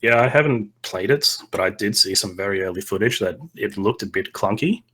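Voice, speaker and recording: Male co-host, deep voice, deadpan and blunt. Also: fairly quick, slightly rough. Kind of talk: casual podcast chat.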